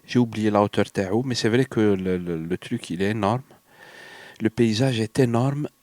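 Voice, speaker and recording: A vlogger from Algeria, sick with a cold and fever, delivers a personal monologue in an Algerian French accent, rambling hesitantly and slipping between French and Arabic. His voice is on the low side and darkish, at normal speed, with no room sound.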